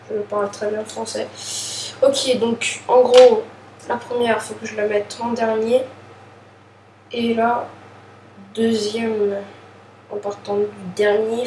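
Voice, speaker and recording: A woman's voice: on the high side, a little mellow, slight background noise. A woman casually commenting as she opens trading card packs, hesitant and apologetic, with many fillers. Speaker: card pack opener. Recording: distant echoey room with faint ambience.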